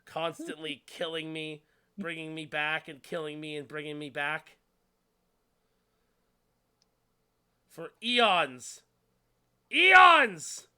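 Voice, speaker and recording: A man's voice: fairly high pitch, a little slow, bright, forceful tone, clear, resonant tone. A man voicing an embittered female cloned monster in a hammy, theatrical, aggrieved tabletop game performance. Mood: bitter, aggrieved. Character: embittered female cloned abomination, amalgam of many races.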